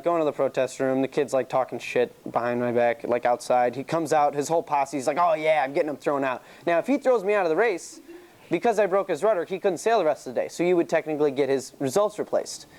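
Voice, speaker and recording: A man's voice: on the high side, a little mellow. A young man giving a casual classroom chalk-talk on sailing rules, telling stories from his own races and laughing easily. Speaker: sailing team presenter.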